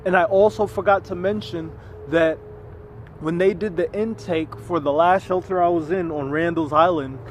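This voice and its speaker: Man, higher voice, earnest rambling personal account with many restarts; faint street noise behind. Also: fairly even intonation, moderate pace. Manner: earnest, rambling, frequent restarts and repeated words. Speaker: vlogger telling his own story. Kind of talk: unscripted personal monologue.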